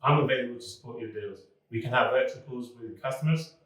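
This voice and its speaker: A man, a business development manager, speaking in a relaxed, conversational way in a corporate talking-head video. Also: mid-range voice, fast talker. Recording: very echoey room, mic far off.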